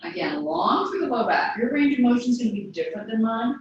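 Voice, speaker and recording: A woman teaching a yoga class, giving calm cues timed to the breath. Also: a little high, fast, lo-fi sound, slight background noise. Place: yoga studio. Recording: echoey room, voice from a distance.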